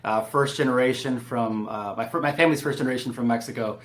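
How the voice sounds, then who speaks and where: A San Diego, California man who works as a real estate entrepreneur speaks at a quick pace in a mid-range voice. He's a podcast guest, sharing his story in a casual, personable interview style.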